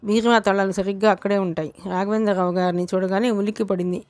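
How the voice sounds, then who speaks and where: A woman reading a novel aloud as an audiobook narrator, in a steady, measured storytelling manner. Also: medium pitch, dry recording.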